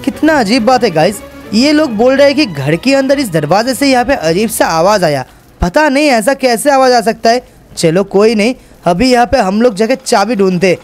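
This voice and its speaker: A man's voice: very high-pitched, lively intonation, moderate pace, faint music behind. A man narrating a game role-play in a chatty way, talking straight to his viewers. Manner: chatty, addresses viewers, repeats fillers. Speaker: gaming YouTuber narrating as Franklin.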